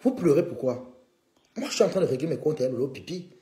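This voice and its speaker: A man's voice: fairly high pitch, sing-song, fast talker, warm tone, roomy sound, soft background music. A man hosting a live stream, needling a rival and calling on his viewers in a combative way.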